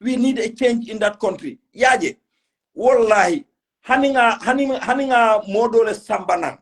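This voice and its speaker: A man's voice: high voice, normal speed. A man with a West African accent hosting a casual political live chat, speaking emphatically and repeating his phrases. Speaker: host of a political live stream. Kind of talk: casual political live chat, mixing English with a local language.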